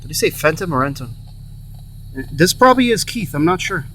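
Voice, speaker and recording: A man hosting a paranormal session in casual, halting talk, repeating himself and breaking off phrases. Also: on the high side, sing-song, bright, forceful tone. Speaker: host of a paranormal spirit box session. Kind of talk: casual rambling vlog talk, addressing spirits and viewers. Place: in or beside a car. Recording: faint hum and noise.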